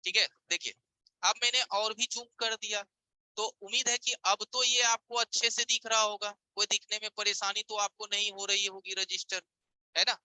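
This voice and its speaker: Man, teacher, live online class, everyday examples, rhetorical questions, piercing bright voice, dry close sound. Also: sits high, flat delivery, moderate pace, dry recording, rough recording. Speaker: mobile repair teacher. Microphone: voice-over on a screen-share stream.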